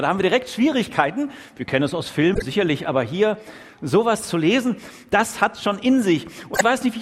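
A man with a somewhat high voice preaches a sermon in a church hall, and his words ring out with a long echo. He reads scripture in a measured way, then carries on with lively, emphatic remarks. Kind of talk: sermon with Bible reading.

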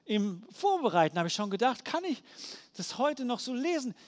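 A male pastor preaching a sermon in an impassioned way, swelling to loud calls. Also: extremely high pitch, very animated, moderate pace, in a large hall.

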